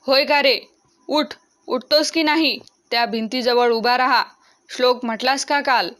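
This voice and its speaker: Stern village dad scolding his boy, woman reading it, kinda high smooth voice, storybook. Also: steady tone, a little slow, fairly bright tone. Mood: angry.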